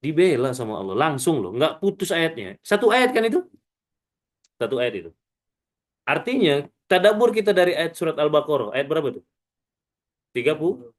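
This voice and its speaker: A man's voice: fairly high pitch, moderate pace, long pauses. A man preaching a study sermon in a mosque, asking his listeners questions and having them answer back. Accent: Indonesian. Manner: animated, call-and-response questions to listeners. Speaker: preacher teaching students.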